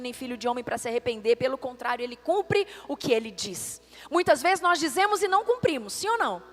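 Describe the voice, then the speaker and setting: A woman pastor with a very high voice preaches passionately, firing questions at her congregation and swelling toward near shouts. Her voice rings out with a long reverb in a church hall, with soft music underneath. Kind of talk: sermon. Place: church sanctuary.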